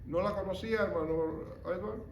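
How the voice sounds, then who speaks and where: A man teaching a Bible study lesson, explaining slowly and stopping often to ask rhetorical questions. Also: high-pitched, gravelly, echoey room, dull audio, slight background noise.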